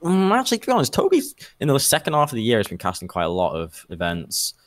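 A man's voice: mid-range voice, wildly swooping pitch, quick pace, no echo, studio quality. A man co-hosting a casual gaming podcast, thinking aloud as he talks. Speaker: podcast co-host.

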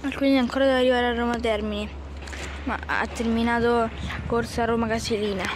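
A woman giving casual, halting vlog commentary on a phone at an outdoor railway station, often trailing off. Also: on the high side, level tone, noisy background. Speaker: train-spotting vlogger. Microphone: handheld phone, speaker off camera.

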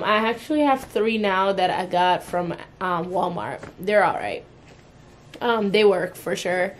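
A young woman vlogs from her bedroom, chatting casually as she cleans and sorts. She exclaims at the mess and talks straight to her viewers. Her voice sits at a middle pitch, with a faint hum of noise behind it, picked up by a camera resting on the bed. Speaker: vlogger. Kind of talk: casual chat. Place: bedroom at home.

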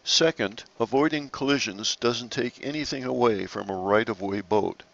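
Low gravelly guy walking thru sailing rules slides, measured and explanatory, kinda dull lo-fi mic. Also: fairly bright tone. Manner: measured, explanatory, occasional restarts. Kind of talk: slide-based narrated lesson.

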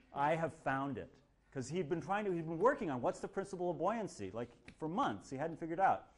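A man lecturing a university class in a casual, joking way, acting out little quoted voices as he explains. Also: on the high side. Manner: lively, jokey, acts out quotes. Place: lecture hall.

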